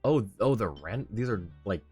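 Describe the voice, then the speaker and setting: With a lowish, dark, slightly rough voice, a man offers expressive, moderately paced commentary on a live gaming stream indoors. He reads out on-screen text and chat messages while thinking aloud, faint game music in the background.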